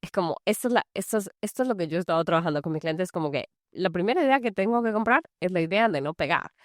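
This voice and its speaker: A woman's voice: on the low side, lively intonation, fast, no echo, clean studio sound. A woman who coaches mothers on anger, giving loose, conversational advice full of fillers. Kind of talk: casual talking-to-camera advice. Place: large house.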